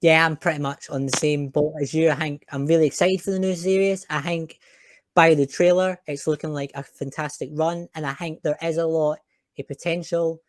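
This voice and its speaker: A man's voice: fairly high pitch, flat delivery, normal speed, dry recording. A man hosting a podcast, chatting in an opinionated, chatty way with some fillers. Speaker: podcast host. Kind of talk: casual chat.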